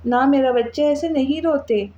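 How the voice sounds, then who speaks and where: A woman's voice: sits high, moderate pace, lo-fi sound, slight background noise, lightly acted. Woman reading a soothing, tender father. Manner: gentle, coaxing.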